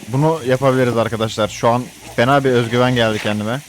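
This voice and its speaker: A young man with a Turkish accent giving excitable Minecraft let's play commentary, often jumping up in pitch as he shouts at his dog. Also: fast talker, slight background noise. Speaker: gaming YouTuber. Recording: faint game music behind.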